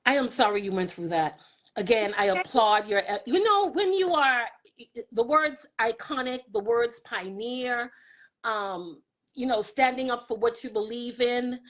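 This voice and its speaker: A woman from the Bahamas hosting a live interview over a video call, speaking in an affirming, encouraging way. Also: fairly high pitch. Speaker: host.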